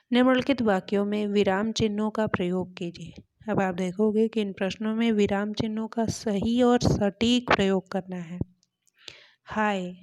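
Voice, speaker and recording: A woman teacher slowly going through exam questions one by one, repeating each example sentence as she explains it. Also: medium pitch, a little mellow. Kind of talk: exam question walkthrough lesson.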